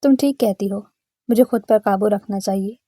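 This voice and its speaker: A woman voicing a stern, protective young man who is quick to anger, speaking firmly. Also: medium pitch, mellow, husky, dry recording, studio quality, natural voice. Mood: stern, angry. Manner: firm, threatening delivery.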